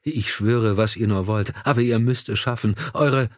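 A man's voice: fairly low pitch, normal speed, no room sound, clean studio sound, close to an everyday voice. A man reading a shaken, loyal young nobleman. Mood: desperate. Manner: strained, earnest. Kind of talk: audiobook dialogue.

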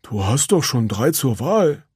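A man's voice: medium pitch, big pitch swings, measured pace, darkish tone, breathy edge, dry recording, clean studio sound, heavily acted. A man voicing a big, clumsy, good-natured wrecker in a storybook reading, earnest and a little simple.

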